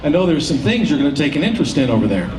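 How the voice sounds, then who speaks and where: A man's voice: a little high, big pitch swings, very fast, a crowd in the background. A man hosting a public event, explaining things to an audience in a folksy way. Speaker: auctioneer and event emcee. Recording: roomy PA sound, distant, faint noise.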